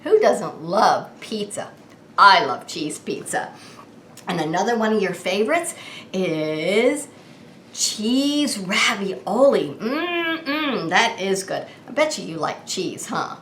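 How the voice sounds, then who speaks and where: A woman's voice: medium pitch, lively intonation, takes it slowly, fairly bright tone. Echoey room w faint noise, lady doing super peppy singsong kids party host thing, asks questions to the kid. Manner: exaggerated, sing-song kids' party host enthusiasm; asks questions and answers as if the child replied. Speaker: children's show host. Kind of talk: children's birthday greeting addressed to the child.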